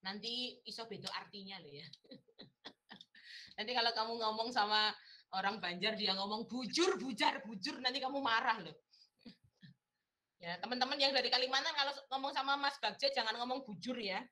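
Bright-voiced Javanese woman lecturer. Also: fairly high pitch, normal speed, long pauses, slight background noise. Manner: playful teasing, laughing often, mixing in Javanese words. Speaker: university lecturer. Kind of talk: casual chat with students in an online class.

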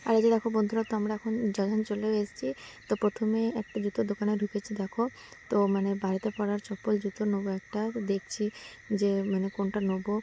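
A young woman talks fast and chatty through her daily vlog, in a level, mellow voice. She recorded it on a phone at home and in shops, with faint outdoor noise behind her. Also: medium pitch, monotone. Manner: chatty, many fillers, addresses viewers as friends. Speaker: vlogger. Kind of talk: casual daily vlog narration.

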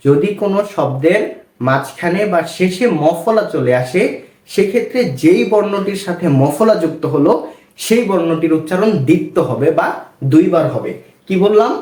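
A man teaching a spoken reading lesson, slow and patient, often asking the viewer questions and answering them himself. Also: sits high, darkish tone. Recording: echoey room.

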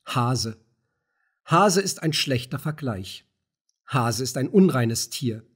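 A man's voice: medium pitch, expressive, slow, slightly rough. A man voicing a timid, anxious gatekeeper who pleads in hasty, sighing bursts, in an audiobook reading. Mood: bitter, fearful.

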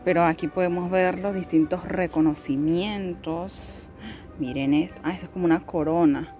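A woman's voice: fairly low pitch, fairly even intonation, normal speed, warm tone, faint music behind. A woman vlogging as she tours an outdoor cemetery, chatty and exclamatory, wondering aloud about what she sees. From Venezuela. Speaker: travel vlogger. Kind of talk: casual tour commentary.

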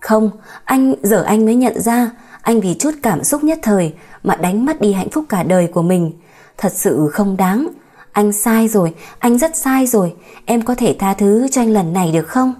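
A woman's voice: medium pitch, moderate pace, dark tone, lightly acted. A woman voicing a remorseful young husband in an audiobook story, emotional and pleading.

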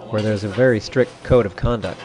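A man's voice: fairly low pitch, steady tone, fairly quick, a crowd in the background. A man giving scripted, wry voice-over narration for a travel video. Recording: music beneath the voice-over.

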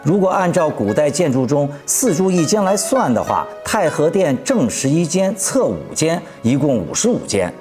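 A man's voice: a little high, sing-song, moderate pace, hardly any pauses. A man presenting in a conversational, explanatory storytelling style, posing questions as he explains. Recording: music under the voice. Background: background music.

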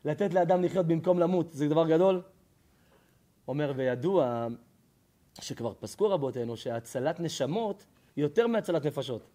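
A man with a fairly high voice preaches a Torah lesson as a storyteller. He quizzes his listeners and answers his own questions. He moves from ringing exclamations to quiet, low asides. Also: animated. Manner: swings between loud exclaiming and hushed low asides; asks the audience questions and answers them himself. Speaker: rabbi giving a Torah lesson. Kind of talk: lively storytelling sermon.

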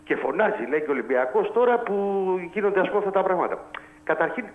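A man's voice: high-pitched, big pitch swings. A man calling in to a radio show, talking football in a heated, emphatic and blunt way. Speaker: radio caller. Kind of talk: heated call-in football talk. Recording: tinny phone line.

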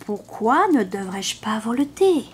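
A woman's voice: fairly high pitch, big pitch swings, measured pace, slight background noise. A woman voicing a carefree, self-assured male butterfly in a storybook read-aloud. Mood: breezy.

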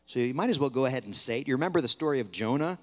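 Conversational preacher in a reverberant hall. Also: male voice, mid-range voice, racing. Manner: animated, conversational, often dropping to a hushed retelling. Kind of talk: sermon with storytelling. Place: large hall at a camp gathering.

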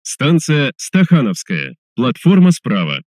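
A man making recorded subway announcements as a train announcer, formal, measured and clearly enunciated. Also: mid-range voice, huge pitch swings, darkish tone, dry recording, studio quality.

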